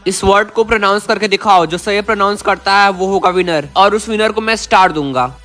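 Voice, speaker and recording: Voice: mid-range voice, fairly quick, bright, forceful tone, soft background music, natural voice. A voice actor playing a strict schoolteacher in a cartoon, giving orders in a lecturing way. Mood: stern. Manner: stern, lecturing. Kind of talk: cartoon dialogue.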